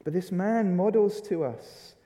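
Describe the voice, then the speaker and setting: A middle-aged man preaches from the pulpit, talking to the congregation in a chatty, questioning way. His voice sits a little high for a man but has a warm, mellow tone. The sound carries a long church reverb. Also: unhurried. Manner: conversational preaching, asks the congregation questions, many restarts. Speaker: pastor. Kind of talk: sermon.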